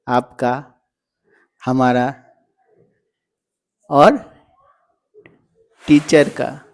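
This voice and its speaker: A man's voice: mid-range voice, dark tone. A man teaching parents in a motivational talk, explaining patiently and sounding words out syllable by syllable.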